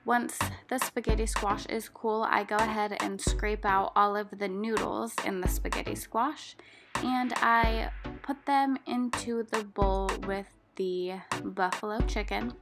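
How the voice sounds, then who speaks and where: A young adult woman, a lifestyle vlogger, calmly narrating a recipe step by step in a cooking voice-over. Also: medium pitch, unhurried. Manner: calm step-by-step instructions. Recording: voice-over over loud music. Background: loud background music.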